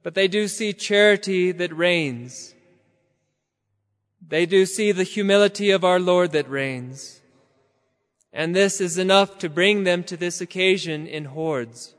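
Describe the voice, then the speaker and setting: A high-pitched man preaches in a slow, measured cadence, now and then lifting into a near-chant. His voice is smooth and resonant. A long reverb trails behind him, as in a large church. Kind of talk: sermon.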